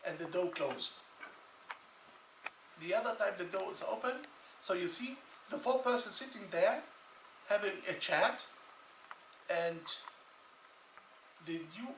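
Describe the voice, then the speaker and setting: A man from Lebanon with a high-pitched, slightly bright voice delivers a conference talk in non-native English. He is emphatic and repeats phrases for stress, picked up by a distant mic in a noisy, echoey hall.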